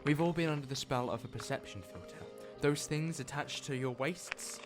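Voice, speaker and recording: A man playing the Doctor, an eccentric alien time traveler in an audio drama who talks quickly and theatrically and loves a grand explanation. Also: medium pitch, over music, close to an everyday voice. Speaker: lead character. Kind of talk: fan audio drama acting.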